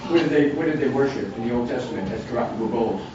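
A man's voice: mid-range voice, racing, very echoey. Older man leading a rambling Bible study. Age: 60s. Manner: rambling, with frequent restarts and asides. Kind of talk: informal Bible study talk. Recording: distant, dull, noisy room recording.

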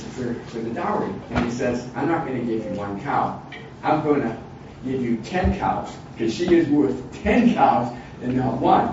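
A man's voice: medium pitch, darkish tone, very echoey. A man in his sixties leading an informal Bible study, rambling with many restarts and asides. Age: 60s. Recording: distant, dull, noisy room recording.

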